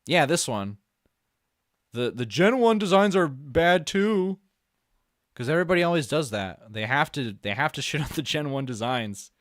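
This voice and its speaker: A man streaming live, reacting to a video with excitable, swearing, joking commentary. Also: on the high side, normal speed, no echo, clean studio sound. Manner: excitable, swears, laughs and jokes a lot.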